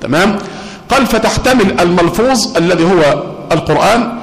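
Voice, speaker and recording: A man's voice: high voice, expressive, moderate pace, poor audio. A man teaching a religious lesson in Egyptian Arabic, explaining step by step and often checking that listeners follow. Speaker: sheikh teaching a creed text.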